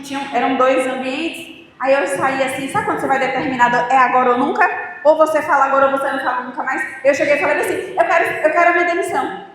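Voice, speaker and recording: A woman giving a preached testimony, telling her story with animated acted-out dialogue. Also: high voice, slight background noise. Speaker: testimony speaker at a church. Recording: echoey hall with reverb, faint ambience.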